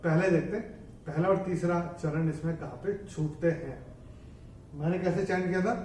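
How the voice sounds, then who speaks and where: A man teaching how to chant verses, explaining each rule in a measured way and then chanting the lines slowly and more loudly. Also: on the high side. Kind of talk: bilingual tutorial on chanting verses. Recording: echoey room, voice from a distance off the mic.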